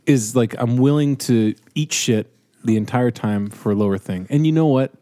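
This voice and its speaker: A man's voice: mid-range voice, moderate pace, mellow. A man in casual conversation, wry and questioning, thinking his points through aloud. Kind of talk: casual chat.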